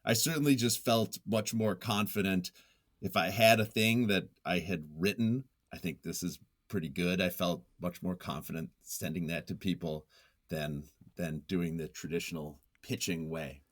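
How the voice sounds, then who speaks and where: Steady in tone and moderate in pace, a deep-voiced man talks as the guest in a reflective interview; he writes nonfiction. His manner is thoughtful and humble, and he often feels his way through what he's saying with a bit of hesitation.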